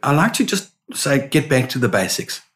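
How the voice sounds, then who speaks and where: A middle-aged man, a sales consultant, answering interview questions in an animated storytelling manner with frequent restarts. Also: mid-range voice, moderate pace. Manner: animated storyteller, repeats words when starting.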